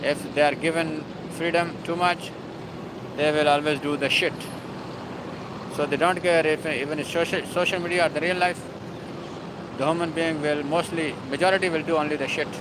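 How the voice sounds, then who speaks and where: A man's voice: on the high side, steady tone, normal speed, background noise. A man hosting a casual live stream, talking in a rambling, emphatic and repetitive way. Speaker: livestream host.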